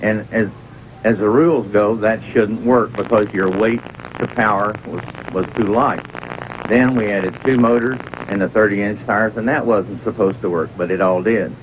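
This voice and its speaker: A man with a fairly low voice gives an interview as a veteran tractor puller. He explains things step by step in plain words, over faint background noise. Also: steady tone, moderate pace. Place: inside a fairground museum building.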